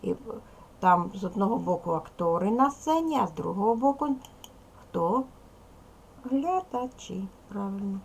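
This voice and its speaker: A woman teacher giving a recorded video lesson to young schoolchildren, speaking clearly and patiently. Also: mid-range voice, lively intonation, darkish tone, slight background noise. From Ukraine. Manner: slow, clear instructional delivery, addressing children.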